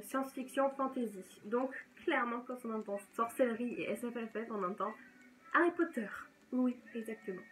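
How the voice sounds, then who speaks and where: Chatty young French-speaking woman, bright. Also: fairly high pitch, low-quality recording. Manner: chatty, enthusiastic, self-correcting. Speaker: book vlogger. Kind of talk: casual chat.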